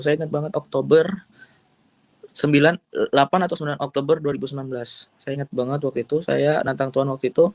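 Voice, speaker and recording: Young man, earnest emotional testimony, slightly high voice, dry close sound. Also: no room sound. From Indonesia. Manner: earnest, emotional storytelling with many fillers. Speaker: testimony giver. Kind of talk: personal testimony.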